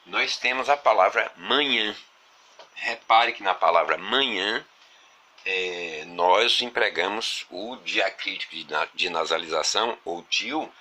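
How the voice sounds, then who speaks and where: A man teaching a grammar video lesson, explaining slowly and repeating examples with small fillers. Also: low voice, sharp tone.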